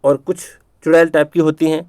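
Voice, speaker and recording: Man teaching spelling, slow and repetitive. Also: on the high side, flat delivery, warm tone, smooth, dry recording. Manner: repeats words slowly, drawing out syllables with rhetorical checks. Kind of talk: exam-prep spelling lesson.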